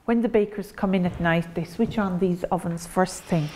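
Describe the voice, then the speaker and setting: A woman's voice: fairly low pitch, normal speed, very noisy. An older woman with an Irish accent, a bakery owner explaining her trade plainly in a documentary interview, with some fillers. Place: café interior.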